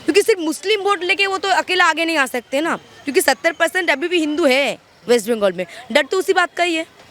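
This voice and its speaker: High-voiced emphatic woman, street interview. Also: expressive, quick pace, fairly bright tone. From West Bengal. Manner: emphatic, repeats and restarts words. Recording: faint traffic noise outdoors.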